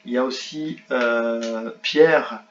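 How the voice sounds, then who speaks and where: A man's voice: medium pitch, slow pace. Hesitant man in an echoey room. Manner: hesitant, many filler sounds and restarts. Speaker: online course reviewer. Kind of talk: casual screen walkthrough. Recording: roomy, dull lo-fi sound, faint noise.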